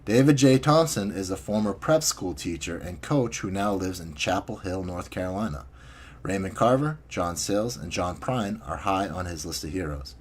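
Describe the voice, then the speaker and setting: A man's voice: low-pitched, lively intonation, moderate pace, a little hiss or hum. A man hosting a small magazine's podcast, chatting casually, swearing now and then, and reading listener submissions and poems aloud. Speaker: magazine host.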